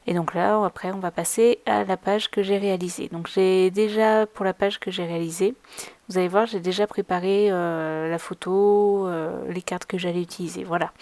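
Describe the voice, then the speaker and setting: A woman casually explaining her crafting as she works, with many pauses, fillers and restarts. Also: fairly low pitch, darkish tone, dry recording. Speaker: crafting vlogger. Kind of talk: casual tutorial narration while crafting. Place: at a craft table indoors.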